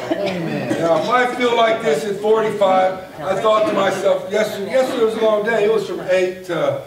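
A man in his forties preaching a sermon from a pulpit in a folksy, animated way that builds to a shout. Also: high voice, moderate pace, a crowd in the background. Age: 40s. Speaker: pastor. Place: church sanctuary, at a pulpit. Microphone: far camera at the back of the room. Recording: echoey church from far off, faint hiss.

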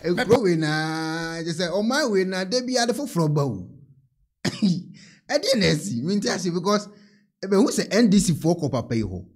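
A man's voice: high voice, normal speed. A man in his thirties with a Ghanaian accent, reacting to a video in casual commentary and laughing often. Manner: laughing, animated, mixes in English. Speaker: reaction host. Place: small indoor studio. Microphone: mic on a stand.

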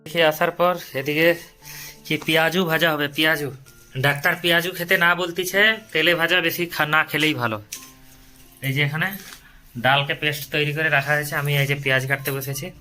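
A man's voice: on the high side, fairly even intonation, normal speed, pushed and bright, faint music behind. A man, narrating his household chores in a chatty home vlog. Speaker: family vlogger. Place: home and rooftop.

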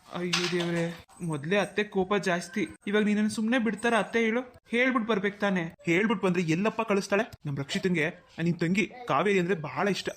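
A woman's voice: mid-range voice, fast talker, close to an everyday voice. A woman voicing a kind but worried middle-aged uncle in a cartoon who frets and fusses. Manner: fretful, fussing, kind. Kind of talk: cartoon voice acting.

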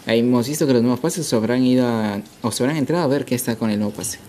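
A man's voice: mid-range voice, rapid-fire, background noise. A man streaming a football game live, calling plays like a sports caster and repeating phrases in chant-like bursts. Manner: playful hype shouts.

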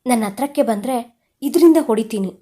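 A hurt young wife who sulks and scolds her husband, voiced by a woman storyteller. Her lines are sharp, but the voice keeps a mellow warmth. It is a spoken audio storybook. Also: a little high, expressive, a little fast. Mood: angry.

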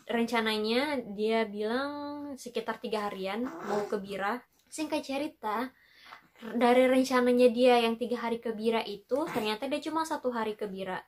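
A young woman from tells a casual storytime vlog. Her voice sits a little high, and she talks in a chatty, playful way with frequent laughs. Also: normal speed, a little hiss or hum. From Makassar, Indonesia. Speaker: vlogger.

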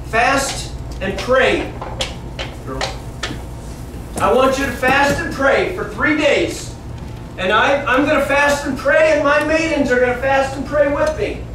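Using a very high-pitched, somewhat bright voice, this man in his fifties acts out the dialogue of a Bible story for children, keeping the words simple and the telling theatrical. It's a small indoor classroom, recorded from a camera mic several metres off, so the sound is echoey with room noise.

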